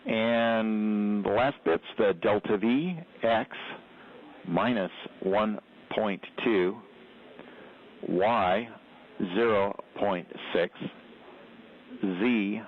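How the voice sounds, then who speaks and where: A man reads flight data from mission control in a slow, careful, clipped cadence, each figure spaced out over a radio loop. His voice sits on the low side and comes through thin and phone-like, squeezed by the radio link. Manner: deliberate, precise, clipped procedural phrasing. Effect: over a space-to-ground radio loop. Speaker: capsule communicator in mission control. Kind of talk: slow, measured radio readout of numbers. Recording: tinny phone-like radio audio.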